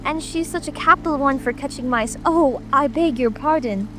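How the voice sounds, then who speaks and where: A woman's voice: sits high, moderate pace, pushed and bright, rough recording. A woman playing a polite, curious little girl who speaks earnestly and apologetically in a dramatic audiobook. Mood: apologetic. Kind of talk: dramatic audiobook character reading. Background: music, rain ambience.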